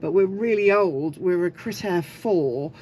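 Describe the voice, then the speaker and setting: A woman's voice: lowish voice, a little slow, a little mellow, a little hiss or hum. A woman chatting casually in a travel vlog from a motorhome, making dry, wry asides. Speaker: vlogger, co-host. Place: motorhome on the road.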